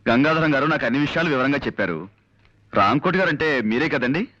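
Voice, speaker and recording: A man's voice: medium pitch, lively intonation, fast, bright, forceful tone, lo-fi sound. An actor playing a polite but exasperated young man who is hunting for an address and pleading for help. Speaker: visitor searching for someone.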